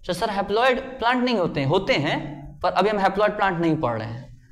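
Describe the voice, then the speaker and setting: A man's voice: high voice, expressive, quick pace. A man teaching a biology class in a playful way, often checking whether his students follow and voicing their questions himself before answering them. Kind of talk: classroom lecture.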